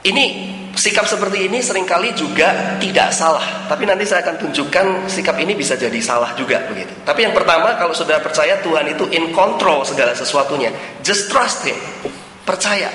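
A male preacher giving an animated sermon, often addressing the congregation and dropping English phrases into his talk. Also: on the high side, a little hiss or hum. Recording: roomy hall with long reverb and faint ambience.

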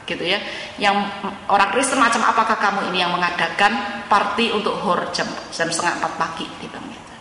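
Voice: medium pitch, fairly quick, bright, forceful tone, a little hiss or hum. A pastor preaching a sermon as a story, addressing the congregation over and over and dropping in English words. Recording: echoey church hall with long reverb.

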